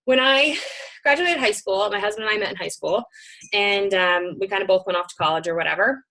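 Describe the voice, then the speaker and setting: A woman's voice: mid-range voice, fairly quick, pushed and bright. A young woman from Michigan hosting a casual webinar, chatty with many ums, slightly out of breath, speaking into a computer mic at home. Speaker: webinar host. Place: home room.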